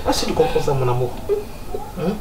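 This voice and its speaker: A man's voice: a little high, animated, a little fast, a little mellow, natural voice. A man playing a devoted husband who pleads tenderly with his crying wife, repeating himself, in a comedy sketch. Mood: pleading. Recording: echoey room, far from mic, noisy.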